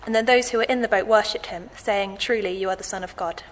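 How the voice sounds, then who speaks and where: A woman's voice: mid-range voice, steady tone, fast, poor audio. A woman reading a Bible passage aloud as a church reader. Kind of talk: scripture reading.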